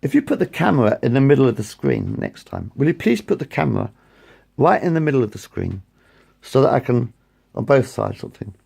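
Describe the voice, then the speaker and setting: This late-forties man is a vlogger delivering a meandering, self-correcting monologue to his phone's front camera, often circling back to repeat things. He sounds very animated and brisk, with a mid-range, darkish voice that carries vocal fry and a breathy edge.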